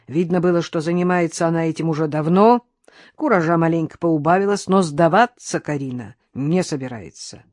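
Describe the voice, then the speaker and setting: A woman narrating a first-person audiobook in a lively, ironic storytelling manner. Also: sits low, a little fast, no echo, clean studio sound.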